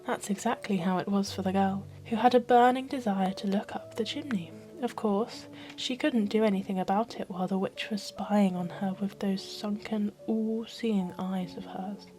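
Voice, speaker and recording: A woman storyteller reading a fairy tale in ASMR style, with a soft, expressive bedtime delivery. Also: mid-range voice, moderate pace, faint music behind, rough recording.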